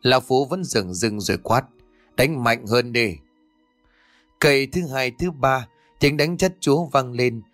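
A man's voice: medium pitch, normal speed, dry recording. Male ghost story narrator. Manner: steady storytelling. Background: faint music.

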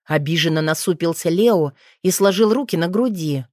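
A woman with a low voice reads a fantasy novel aloud as an audiobook. Her telling is even and measured. The recording is dry and close. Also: dry recording. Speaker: narrator. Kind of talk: audiobook narration.

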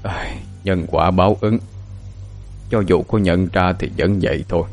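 A man voicing a wise, calm old male wandering master in a spoken horror story, speaking slowly, quietly and wearily. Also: low voice, faint music behind. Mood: solemn. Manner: slow, quiet and weary.

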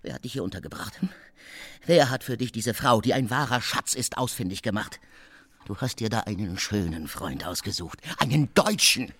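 An actor playing a coarse, scheming man who blusters, insults and shouts, in a radio drama. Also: lowish voice, breathy edge, full character voice. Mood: insulting. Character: coarse bullying middle-aged man, loud and scheming.

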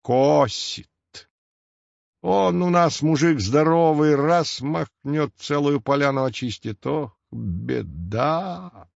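A man's voice: fairly high pitch, takes it slowly, vocal fry, no echo. A ginger storybook tomcat with a mustache, as a male narrator plays him, holds forth solemnly and sighs heavily over his household's troubles. His voice sits a little above the narrator's own. The recording is dull and dry, with no room sound. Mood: sighing. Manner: solemn, sighing, sly.

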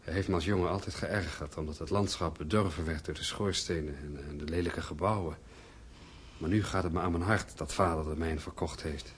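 A deep, husky-voiced man speaks a little fast as he performs a radio-drama role: a worried, earnest and wistful husband and heir, delivered in a brooding, expressive way.

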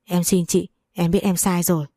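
A woman's voice: fairly low pitch, level tone, normal speed, dark tone, dry recording, clean studio sound. A woman voicing a frightened young mistress who begs timidly for forgiveness. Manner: timid begging.

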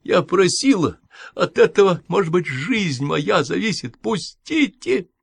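A man voicing a frightened, insistent young woman in a hospital bed, pleading in a high, agitated voice. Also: very animated, unhurried, dry recording, studio quality, heavily acted. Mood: frantic. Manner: pleading, agitated, rising pitch.

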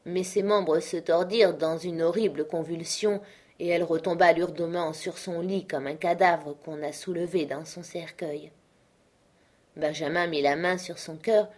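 A woman narrating an audiobook in a measured, steady way. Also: sits low.

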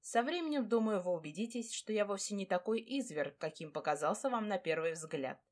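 A woman voicing a proud, brooding male dragon lord who speaks tenderly to his fiancée, in a low, hushed tone. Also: lively intonation, a little fast, natural voice.

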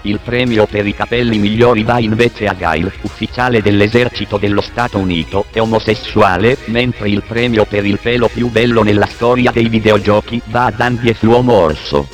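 A male text-to-speech robot voice with a metallic sound, reading a comic parody narration in a flat, deadpan way. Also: on the low side. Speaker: narrator of a video game parody.

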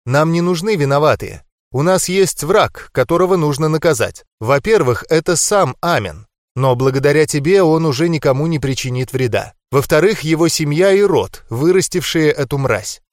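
A man reading an audiobook, voicing a composed, serious young goddess in a calm, measured, softly serious way. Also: fairly high pitch, no echo, studio quality, close to an everyday voice.

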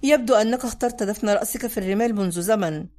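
A woman reading the lines of a defiant young daughter in a dramatic audiobook, urgent and forceful. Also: mid-range voice, very fast, close to an everyday voice.

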